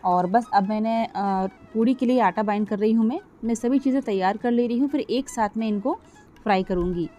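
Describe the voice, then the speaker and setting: Middle-aged woman talking thru her cooking vlog, warm mellow voice, soft music behind. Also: a little high, brisk. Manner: chatty, explains step by step, often addresses viewers. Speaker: cooking vlogger. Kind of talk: casual voice-over cooking vlog.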